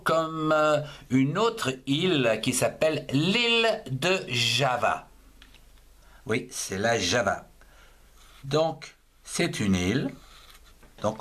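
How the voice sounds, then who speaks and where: Guy teaching kids handwriting, super slow, spells out every syllable, voice goes up and down a lot. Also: mid-range voice, fairly bright tone. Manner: spells words syllable by syllable, patient and deliberate. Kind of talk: slow spelled-out writing lesson.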